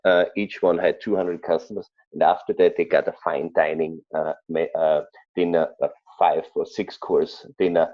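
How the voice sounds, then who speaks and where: A man with an Austrian accent, a chef telling stories in an interview, speaking haltingly with many fillers and restarts. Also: sits low, fairly even intonation, muffled recording. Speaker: chef guest. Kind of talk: conversational interview storytelling.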